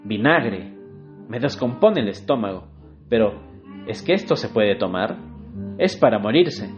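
A man's voice: on the low side, sing-song, a little slow, soft background music. A man doing effusive party guests. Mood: disgusted. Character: flattering party guests, adults of both sexes. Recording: dull lo-fi recording.

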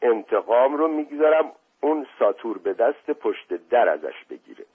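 A man voicing a scolding older woman, husky on a phone-like recording. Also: medium pitch, very animated, voice pushed up.

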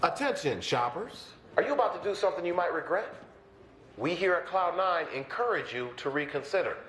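A man's voice: fairly high pitch, lively intonation, fairly quick, a bit bright, roomy sound, slight background noise. A man making a mock-official plea to shoppers over a store intercom. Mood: mock formal. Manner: mock-official announcement, pleading. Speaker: store employee.

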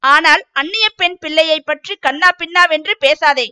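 A flustered young village farmer defends himself and pleads to be believed, voiced by a woman reading a storybook. The voice stays high and bright, with little lowering for the man. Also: moderate pace. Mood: defensive.

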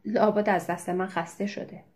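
A woman reading aloud voices a gruff middle-aged male farm chairman who speaks loudly and bluntly. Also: medium pitch, steady tone, natural voice. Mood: wry.

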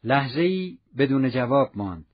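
A man narrating a classic novel in measured, literary scripted narration. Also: mid-range voice, sing-song. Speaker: audiobook narrator. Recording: dull lo-fi recording.

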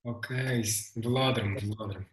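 A man's voice: fairly low pitch, steady tone, moderate pace, roomy sound. A man with a European Portuguese accent hosting an interview, asking questions in a teasing, joking way. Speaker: podcast host. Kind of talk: casual interview chat.

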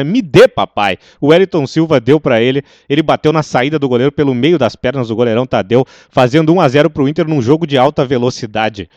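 A man's voice: on the high side, darkish tone, no room sound. A Brazilian man giving casual football analysis on radio, in a dull, lo-fi recording. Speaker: football pundit.

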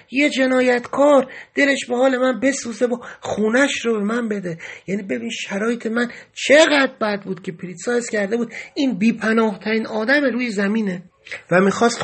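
A man's voice: high-pitched, fairly bright tone, breathy edge. A man narrating a first-person memoir in an earnest, grave storytelling manner. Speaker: podcast narrator.

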